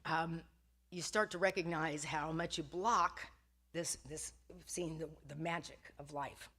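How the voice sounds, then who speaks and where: A woman's voice: low-pitched, steady tone, unhurried, a bit bright. An older woman giving a casual sermon at a Sunday church service, chatty and self-deprecating, laughing often and restarting her sentences. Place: church sanctuary.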